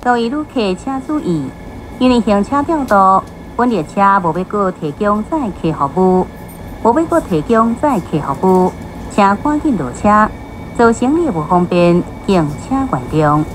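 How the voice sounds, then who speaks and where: A woman's measured station announcement comes over a train intercom, with clear enunciation. She speaks slowly, her pitch rising and falling in a lively pattern, and faint noise sits behind her. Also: rough recording. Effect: over the train's intercom loudspeaker. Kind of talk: recorded transit announcements.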